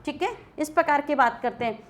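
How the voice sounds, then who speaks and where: A woman's voice: sits high, brisk. A woman teacher giving a classroom grammar lecture, asking questions and answering them herself. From India. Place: coaching class.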